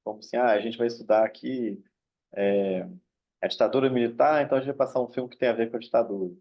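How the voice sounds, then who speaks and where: Gravelly man moderating over dull call audio. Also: medium pitch, steady tone, fast talker. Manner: thoughtful, hesitant, with many tag questions. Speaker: mediator. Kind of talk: moderating an online discussion.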